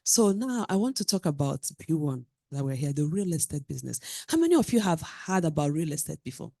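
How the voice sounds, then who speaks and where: A Nigerian woman presenting a real estate seminar to a live audience, animated and preacher-like, with call-and-response questions to the room. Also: deep voice, a little fast, gravelly, no echo, studio quality. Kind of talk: business seminar talk.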